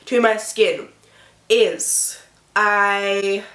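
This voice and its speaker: A woman's voice: mid-range voice, fairly even intonation, extremely slow, a bit bright. A woman vlogger chatting casually to camera while sick with a blocked nose, breathing through her mouth. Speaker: beauty vlogger. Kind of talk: casual talk to camera about personal experience. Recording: echoey, roomy sound.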